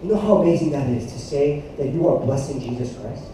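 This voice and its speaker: A man in his thirties, a youth pastor preaching a sermon with animated storytelling and questions to the room. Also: fairly high pitch, brisk, background noise. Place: church hall. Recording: echoey hall, mic at a distance.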